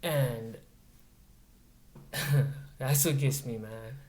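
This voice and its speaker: A man's voice: mid-range voice, fairly even intonation, drawn-out words, a little mellow. A man tells a story in a blunt, profane and emphatic way, in a casual monologue. The room is echoey and a faint noise sits behind him. He sounds like a man from Montana speaking in his plain voice. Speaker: vlogger.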